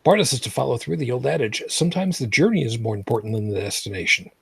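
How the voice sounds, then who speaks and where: A male main host with a slightly husky voice, recorded close and dry over an online setup. He rambles casually, restarting phrases and dropping dry sarcasm. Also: mid-range voice, lively intonation, quick pace, no echo. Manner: rambling, filler-heavy, repeats and restarts phrases. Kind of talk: casual live vlogcast chat.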